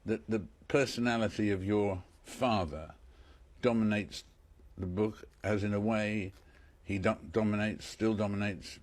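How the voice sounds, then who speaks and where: A man's voice: lowish voice, steady tone, measured pace, darkish tone. A male interviewer who introduces his guest and asks long questions, often repeating words as he frames them. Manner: hesitant, repeats words while framing questions. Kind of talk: broadcast interview.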